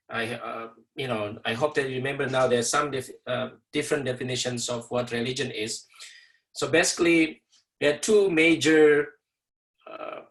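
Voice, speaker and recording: A man teaching a university class over a video call, explaining slowly with many fillers and pauses. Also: mid-range voice, rough recording. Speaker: university professor. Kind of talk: online lecture with class introductions.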